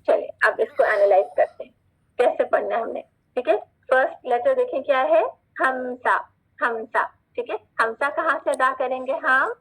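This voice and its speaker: The audio is slightly rough and poor as a fairly high-voiced woman leads an online Quran recitation class. She is patient and repetitive, checking on her students again and again. Her recitation lingers on each Arabic word, stretching it slowly.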